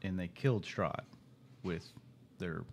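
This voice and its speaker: A man narrating as game master in casual tabletop chat, relaxed and laughing easily. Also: deep voice, slow pace, a little hiss or hum.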